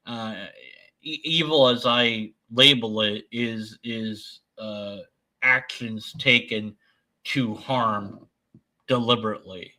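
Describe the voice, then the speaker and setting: A man giving unscripted reaction commentary in a sardonic, dismissive manner with deliberate, emphatic phrasing. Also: fairly low pitch, steady tone, bright, forceful tone, low-quality recording. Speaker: commentator debunking another person's video.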